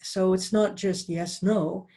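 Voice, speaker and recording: A middle-aged woman giving an online talk as a dowsing presenter, speaking quickly and earnestly with restarts and asides. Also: mid-range voice, steady tone, warm tone. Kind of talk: online talk over a video call. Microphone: video call.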